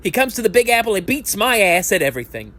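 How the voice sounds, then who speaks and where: A man in his thirties performs an amateur audio play role as a self-pitying, self-deprecating lifelong sports fan at a support group, rambling and at times ranting indignantly. His voice is pushed up to sit high, a bit bright, with big pitch swings and a quick pace.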